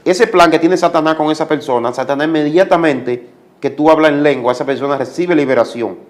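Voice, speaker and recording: A man's voice: on the high side, brisk. A man giving a religious testimony as a guest, speaking like a preacher and repeating commands for emphasis.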